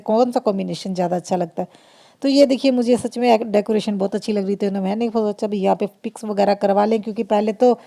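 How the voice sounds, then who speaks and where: A woman's voice: mid-range voice, vocal fry, mellow. A woman vlogger and mother chatting through a casual voice-over of her family video, laughing often and restarting her sentences.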